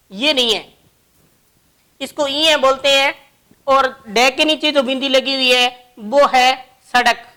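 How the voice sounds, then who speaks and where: Slow, bright-voiced woman teaching grammar. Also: sits high. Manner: slow, explaining each example word by word. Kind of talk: classroom grammar lesson.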